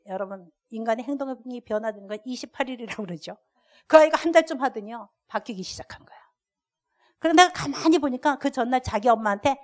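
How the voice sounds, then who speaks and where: An older woman, a guest lecturer, preaching a sermon and telling lively stories with acted-out dialogue. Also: sits high. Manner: animated storyteller acting out dialogue. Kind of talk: sermon with storytelling.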